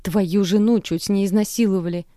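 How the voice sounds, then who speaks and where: A defiant young daughter in a rage, shouting until her voice strains, as a woman narrator acts her out. Her tone stays dark and low-set even at full force. The delivery sounds close and dry. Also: fairly quick, no room sound, lightly acted. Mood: furious.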